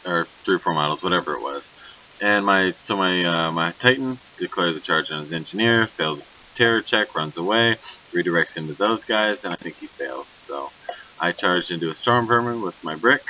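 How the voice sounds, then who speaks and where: Sleepy guy with a low voice rambling through a game recap, dull lo-fi sound w faint hiss. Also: animated, a little fast. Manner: rambling, loose, self-correcting. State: sleepy, yawning. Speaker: tabletop wargame player. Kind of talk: casual battle report narration.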